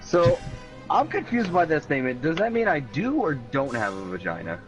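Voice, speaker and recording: A man's voice: on the high side, big pitch swings, normal speed, faint music behind. A man in casual gaming chat over a headset, sarcastic and teasing with a dry edge. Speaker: podcast co-host.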